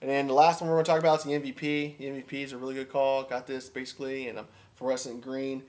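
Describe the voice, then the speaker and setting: His tone is darkish and his delivery flat, yet this duck calling instructor talks very fast and with real enthusiasm. The how-to talk is casual, informal, and repetitive, pitched at a medium level.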